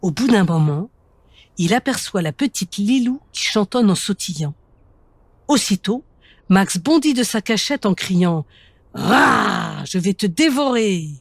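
A woman reading a children's story aloud in a gentle, measured way. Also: mid-range voice, animated, no room sound.

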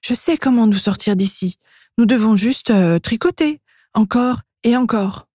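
A woman's voice: fairly high pitch, lively intonation, measured pace, mellow, no echo, pitched above the performer's own voice. Small anxious storybook elf girl, voiced by a woman reader, dry close mic. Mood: hopeful. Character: small frightened female elf knitter. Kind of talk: children's storybook reading.

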